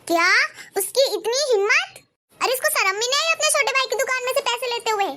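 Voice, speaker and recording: A woman's voice: very high-pitched, expressive, brisk, bright, forceful tone, heavily acted. A woman voicing a harsh, scornful mother-in-law in a cartoon story, berating her son. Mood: scolding. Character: harsh scolding mother-in-law, middle-aged. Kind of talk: animated cartoon voice acting.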